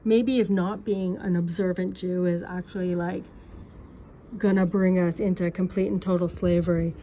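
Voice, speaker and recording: Woman vlogger, mellow voice, rambling sarcastic monologue, dull lo-fi sound. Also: fairly low pitch, level tone, moderate pace, slight background noise. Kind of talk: personal opinion monologue. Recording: dull lo-fi recording.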